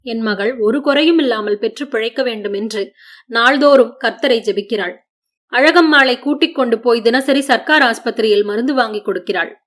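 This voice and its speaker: A woman reads a short story aloud as an audiobook narrator, with a fairly high voice. Her delivery is measured and expressive, shaping each line as scripted storytelling.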